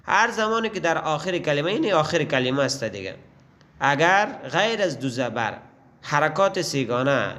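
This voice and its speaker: Male Quran teacher, slow drill. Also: a little high, fairly bright tone. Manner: slow drawn-out letter recitation, then patient explanation. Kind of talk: Quran reading lesson.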